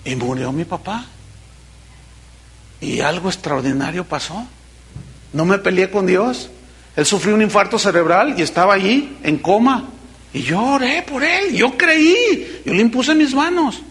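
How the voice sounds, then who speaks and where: A middle-aged pastor with a Mexican Spanish accent delivers a sermon in a high-pitched voice. He tells folksy stories, moving between teasing asides and earnest appeals. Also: lively intonation, a little slow, fairly bright tone.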